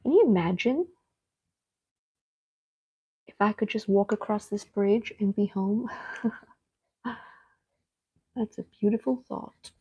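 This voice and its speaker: A middle-aged woman talks directly to her viewers as she paints, chatty and unhurried. Her pace is slow and easy, and her voice is mellow and soft. The live-stream audio sounds dull and lo-fi. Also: medium pitch, breathy edge. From Cape Town, South Africa. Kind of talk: casual live-stream chat while painting. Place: home art studio.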